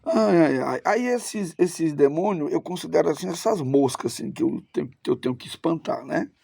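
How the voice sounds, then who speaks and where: A man's voice: fairly high pitch, normal speed, vocal fry, dark tone, no echo, clean studio sound. A man giving a Biblical Greek lesson, opinionated and sarcastic, repeating words for emphasis. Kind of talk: recorded online lesson.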